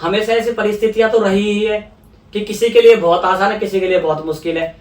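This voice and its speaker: A man's voice: high voice, fairly even intonation, fairly quick, recorded from a distance. A young man from India, a politician guest in an interview, explaining earnestly and repeating phrases for emphasis. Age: young adult. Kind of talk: conversational interview. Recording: echoey room, voice away from mic.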